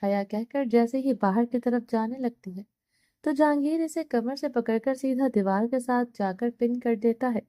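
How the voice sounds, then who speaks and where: A woman reading a romance novel aloud as narrator, in a steady, measured storytelling voice. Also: fairly high pitch, dry recording. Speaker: novel reader.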